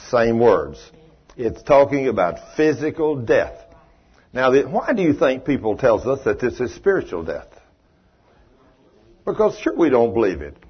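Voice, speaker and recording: A slightly high, breathy male voice carries a homespun sermon that swells into emphatic preaching, with questions taken from listeners. The sound comes from a dull, muffled live recording.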